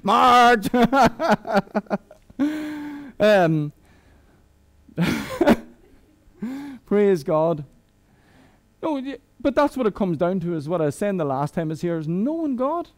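A man's voice: high voice, sing-song, slow, long pauses, darkish tone. A middle-aged Irish man preaching a sermon as a guest preacher, conversational and humorous, often restarting his sentences.

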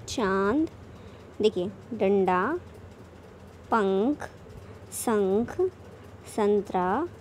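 A woman's voice: a little high, dark tone, slight background noise. A woman teaching a worksheet to young children, explaining patiently step by step, asking questions and then answering them herself, with English words mixed into her Hindi.

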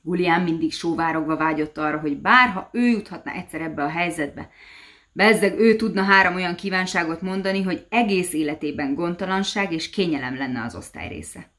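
Low-voiced woman reading a folk tale. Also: a bit bright. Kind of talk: storybook reading.

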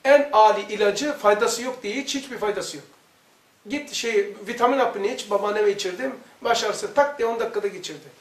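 High-voiced man telling stories in an echoey room. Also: fairly quick. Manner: colloquial, joking storyteller who laughs at his own tales. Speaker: religious lecturer. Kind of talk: informal religious lesson with anecdotes. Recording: echoey room, mic far off.

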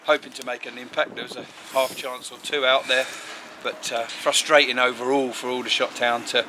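A man's voice: medium pitch, level tone, normal speed. A man interviewing a player after a match outdoors, chatty and asking leading questions. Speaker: club media interviewer. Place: outdoors at a football ground at night. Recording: wind noise outdoors.

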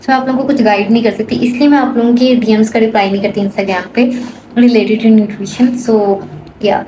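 एक बीस-पच्चीस साल की युवती जो फेस मास्क पहनकर अपने व्लॉग में दर्शकों से बातें करती है, बीच-बीच में अंग्रेज़ी शब्द मिलाती है और थकी हुई है।. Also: female voice, a little high, steady tone, moderate pace. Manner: chatty, mixes English phrases into speech. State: talking through a face mask; tired. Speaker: food vlogger. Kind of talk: casual vlog chat to viewers. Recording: noisy background.

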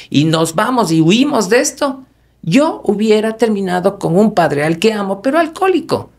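Un hombre invitado en un podcast, que habla con pasión y énfasis y suelta groserías a menudo. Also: male voice, sits high, creaky. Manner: passionate, emphatic, swears often. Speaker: podcast guest. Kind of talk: emotional podcast conversation.

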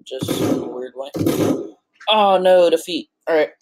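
A teenage boy with a voice that is breaking, casually commentating his own gameplay with excitable, blurting reactions. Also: mid-range voice, normal speed, husky. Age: teens. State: voice cracking. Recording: noisy, with mouse clicks.

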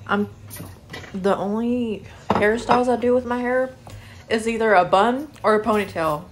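Speaking at normal speed in a slightly high voice, a young woman vlogs from her kitchen as she cooks. The talk is rambling and casual, peppered with "like" and "um," on a noisy home recording.

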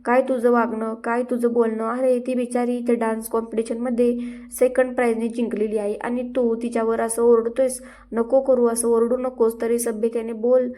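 A woman's voice: a little high, flat delivery, normal speed, dark tone, lightly acted. A woman reading as an indignant young man. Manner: pleading, reproachful.

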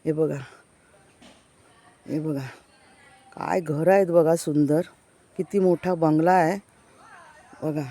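A woman's voice: low voice, mellow. Eager woman giving a village walking tour. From Konkan, India. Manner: enthusiastic, keeps urging viewers to look. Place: outdoors in a village, walking between houses. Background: birds chirping.

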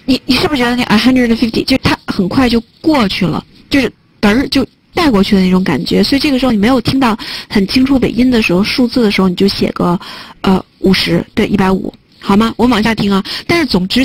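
Her mid-range voice is a little rough as this woman jokes and chats through an online test-prep listening lesson, typing notes onto a whiteboard. The audio is dry and low in quality.

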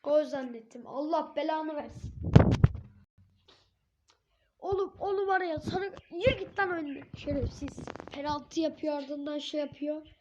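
Hoarse woman gamer, super high voice, ranting n cursing at the game, muffled lo-fi audio. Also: unhurried, noisy background. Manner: shouts at the referee, curses and rants in frustration. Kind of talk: live gameplay commentary. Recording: dull lo-fi recording.

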